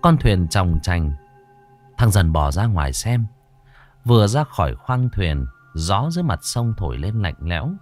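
A man narrating a ghost story in a dramatic, expressive way. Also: lowish voice. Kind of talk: scripted horror narration.

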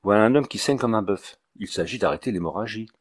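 A man's voice: lowish voice, fast talker, close to an everyday voice. A man voicing a brusque, impatient male marquis with a curt, commanding way of talking.

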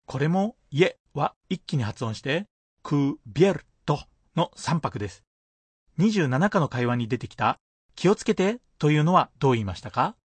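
A man's voice: a little high, sing-song, normal speed, breathy edge, dry recording. A man teaching a radio language lesson, patiently explaining pronunciation point by point.

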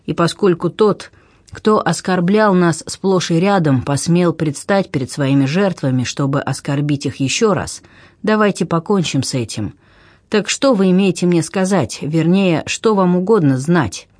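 A man's voice: fairly high pitch, moderate pace, a little mellow, no echo, clean studio sound, close to an everyday voice. A man reading an audiobook, voicing a proud noblewoman, a duchess who is agitated and exclaims in a raised voice. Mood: haughty.

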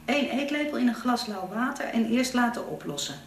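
A woman's voice: on the high side, animated, normal speed, echoey room, a little hiss or hum, poor audio. An actress in a radio play as a young woman on the phone with her mother, fussy, caring and exasperated. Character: young woman alone at home, anxious, caring. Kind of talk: radio drama acting.

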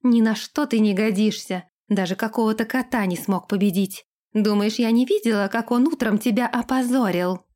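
A woman's voice: medium pitch, normal speed, few pauses, natural voice. A woman voicing a spoiled, imperious young princess who snaps and gives orders in an audiobook. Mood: furious. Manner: haughty, sharp-tongued, commanding. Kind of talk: audiobook character voice.

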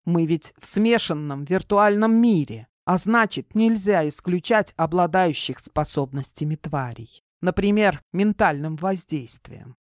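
A woman reading an audiobook, voicing a gruff young man who grumbles and teases dryly. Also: fairly low pitch, animated, measured pace, hardly any pauses, no room sound, studio quality. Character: young man survivor, gruff, wry and protective.

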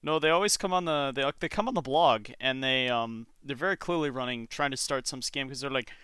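A man's voice: medium pitch, brisk, sharp tone, smooth, dry recording, studio quality. A man hosting a casual podcast, joking and rambling with frequent restarts. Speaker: podcast host.

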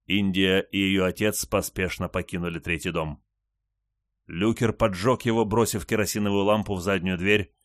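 Man reading a horror audiobook, low voice, dry close mic. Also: dry recording. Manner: even, measured reading. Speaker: audiobook narrator. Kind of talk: scripted narration.

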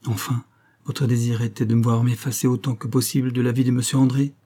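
Storybook role: a man reading as a composed young woman, earnest and dignified, low husky voice. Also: little pitch movement, fast, dark tone, close to an everyday voice. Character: young woman, dignified, calm and self-sacrificing.

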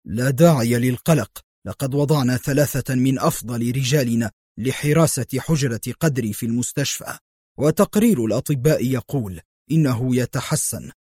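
A man's voice: mid-range voice, moderate pace, darkish tone, husky, no echo, clean studio sound, close to an everyday voice. A man voicing a stern, commanding middle-aged intelligence director in a spoken story. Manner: firm, commanding.

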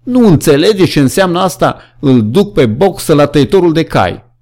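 A man voicing an old male donkey in a storybook reading, raised and urgent as he shouts warnings. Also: mid-range voice, animated, heavy background noise, lightly acted. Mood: alarmed.

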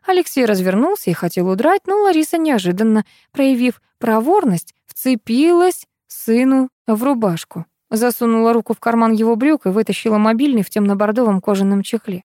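A woman narrating a novel in the first person in a lively, expressive way. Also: fairly high pitch, fairly quick, hardly any pauses, no echo, clean studio sound. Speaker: audiobook narrator.

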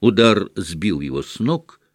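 A man reading a classic novel aloud as scripted literary narration, measured and steady. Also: deep voice, no room sound, studio quality. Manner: measured reading with acted outbursts. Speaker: audiobook reader.

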